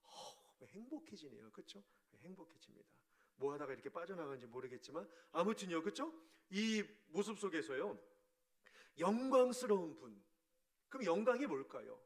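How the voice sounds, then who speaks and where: A man preaching as a pastor, asking his congregation questions, sometimes shouting out quoted voices and sometimes dropping to a soft murmur. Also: high voice, normal speed. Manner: animated, acts out quoted voices with sudden shouts; drops to a soft near-murmur on key words. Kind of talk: sermon.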